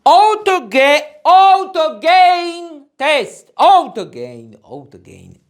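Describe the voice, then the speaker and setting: A vlogger casually testing a wireless microphone, repeating test phrases and sometimes half-shouting, while uneven auto gain makes the loudness jump up and down. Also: extremely high pitch, big pitch swings, very slow. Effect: uneven auto gain, loudness jumping up and down. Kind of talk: casual unboxing and gear test.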